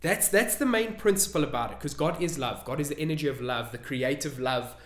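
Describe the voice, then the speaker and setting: A man's voice: fairly high pitch, lively intonation, a little fast, a bit bright, reverberant. A man giving casual spiritual advice in an earnest, enthusiastic way, with many fillers. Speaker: spiritual vlogger.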